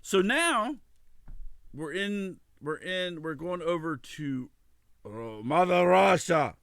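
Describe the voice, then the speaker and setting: A man's voice: high-pitched, animated, slow pace, creaky, a bit bright, dry recording, clean studio sound. A man from El Salvador hosting a casual comedy news chat, reading stories loosely with stumbles and laughs. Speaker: podcast host.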